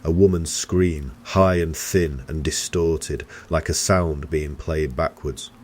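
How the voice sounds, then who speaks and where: Very deep-voiced man narrating horror. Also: steady tone, takes it slowly, darkish tone, slight background noise.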